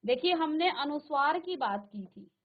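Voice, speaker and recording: High-voiced woman teaching a Hindi class. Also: expressive, normal speed, muffled recording. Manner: patient, repeats questions and addresses students directly. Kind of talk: virtual classroom lesson. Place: studio classroom.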